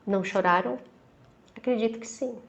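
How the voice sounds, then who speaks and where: A woman deacon with a Brazilian Portuguese accent leads a reflective Bible study, reading scripture aloud in a fairly high voice. She speaks slowly and thoughtfully, often checking in with her listeners using frequent "né?" tags.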